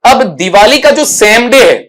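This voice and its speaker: High-voiced man teaching English grammar. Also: animated, fairly bright tone. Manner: addresses students as beta, repeats "theek hai?" often; explains pronunciation slowly, syllable by syllable. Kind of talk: Hindi-language exam prep lesson.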